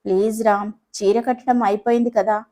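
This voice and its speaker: A woman's voice: mid-range voice, steady tone, moderate pace, a little mellow, close to an everyday voice. A woman voicing a shy young wife in a romantic audio story, pleading in mock annoyance. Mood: coy pleading.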